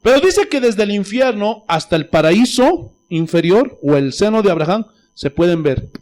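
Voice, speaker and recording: Fervent high-voiced male pastor. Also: very animated, moderate pace. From Bolivia. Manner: fervent, rising to shouts and dropping to near-whispers; peppers speech with "gloria a Dios". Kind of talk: sermon.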